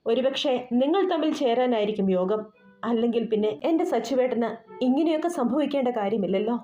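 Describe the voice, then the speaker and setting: A woman's voice: fairly high pitch, animated, a little fast, lightly acted. A woman voicing a wounded young woman who speaks with bitter resignation, in an audio novel. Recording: roomy dull recording with soft music.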